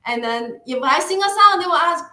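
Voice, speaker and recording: A woman from northeastern China with a Chinese accent, a guest chatting casually in an interview with a soft voice, goofy and laughing often, with lots of fillers and restarts. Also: extremely high pitch, lively intonation, normal speed, echoey room, rough recording. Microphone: microphone.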